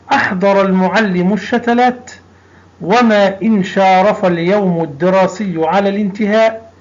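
A man teaching a primary school language lesson, patiently drawing out sounds and repeating words for young pupils. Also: high-pitched. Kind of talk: recorded classroom lesson. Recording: dull lo-fi recording.

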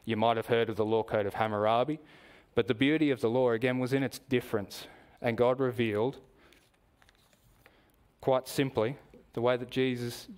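A man with an Australian accent preaching a sermon in a church, measured and explanatory, asking the congregation questions. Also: medium pitch, darkish tone, clear, resonant tone.

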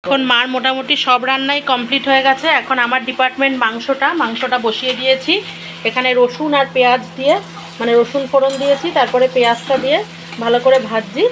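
A woman with a hoarse voice from a cold, chatting casually to viewers in a home vlog from her kitchen. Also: sits high. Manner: chatty, addresses viewers directly. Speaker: vlogger. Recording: noisy home recording.

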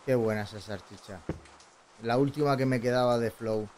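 A man's voice: mid-range voice, moderate pace, darkish tone, slight background noise. A man from Spain with a Spanish accent doing playful, casual gameplay commentary, chatting to himself and reading dialogue aloud. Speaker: gaming video host. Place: indoor streaming setup. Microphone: close desk boom microphone.

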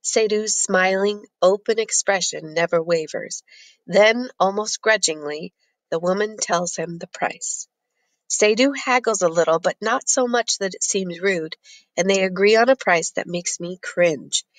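A woman narrating a first-person novel as an audiobook in a steady, measured reading. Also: mid-range voice, dry recording.

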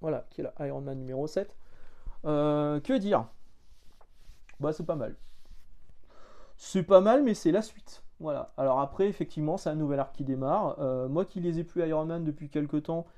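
Hesitant, blunt man with a mellow voice. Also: fairly high pitch, normal speed. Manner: hesitant, many filler sounds; frank and blunt, slangy. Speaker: comics reviewer. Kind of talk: casual spoken review.

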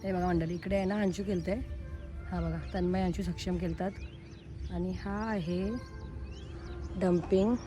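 A woman's voice: lowish voice, level tone, moderate pace, pauses often, over music. A woman vlogging outdoors with a handheld camera in a park playground, chatting to viewers and coaxing a small child. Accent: Marathi. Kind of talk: casual vlog narration to viewers.

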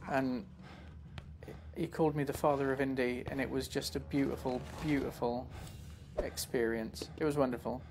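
A man chatting casually while playing a video game live, breaking into quick exclamations as he reacts. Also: medium pitch, fairly even intonation, background noise. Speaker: streamer. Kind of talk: live gameplay commentary. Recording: game music playing behind.

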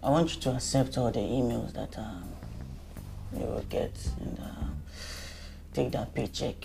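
A woman voicing a tired man of the house who sighs and speaks low and slow. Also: creaky, noisy background, full character voice. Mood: weary. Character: weary Nigerian man of the house, the boss.

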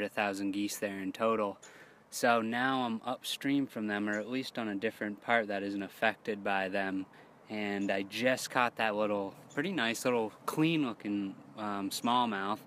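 A man's voice: on the low side, fairly bright tone, slight background noise. Young man vlogging outdoors, rambling. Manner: rambling, hesitant with many ums. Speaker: fishing vlogger. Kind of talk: casual vlog narration. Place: outdoors by a lake and in a boat. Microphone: action camera at arm's length.

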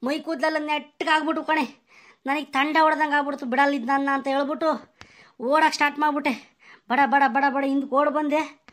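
A woman's voice: high voice, fairly even intonation, fairly quick, fairly bright tone. A woman playing a terrified villager who says a ghost is haunting them, speaking in panicked, frantic repetition.

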